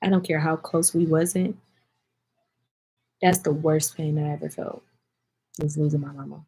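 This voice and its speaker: A woman's voice: low voice, steady tone, normal speed, creaky, warm tone, husky, low-quality recording. A woman, talking heartfelt and teary-eyed to her viewers in a casual vlog chat. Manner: heartfelt, speaks directly to viewers as y'all. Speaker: vlogger answering viewer comments.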